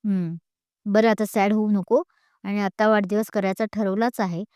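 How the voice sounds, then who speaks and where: A protective young man in an audio story, firing off anxious questions and then joking warmly, as a woman narrator puts him on. The tone is mellow and smooth, a little higher than her usual talk, recorded dry and close. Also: steady tone, no echo, close to an everyday voice. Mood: cheerful. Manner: worried rapid questions, teasing. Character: caring young man, protective elder-brother type.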